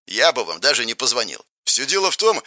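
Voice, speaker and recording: A man doing a calm, earnest artifact craftsman. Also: medium pitch, a little fast, dry recording, studio quality, exaggerated voice.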